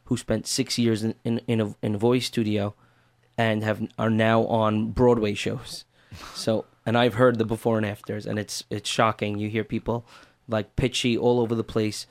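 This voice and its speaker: A man who teaches voice, speaking in a lowish register with very little rise and fall. He answers interview questions earnestly, laying out his method step by step. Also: little pitch movement, normal speed.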